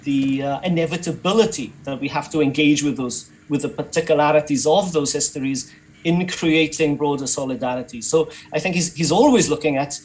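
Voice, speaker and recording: A man's voice: on the high side, fairly quick, a little mellow, a little hiss or hum, poor audio. A man giving an academic talk over a video call, thoughtful and hesitant, with many fillers and restarts. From Wales. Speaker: conference panelist.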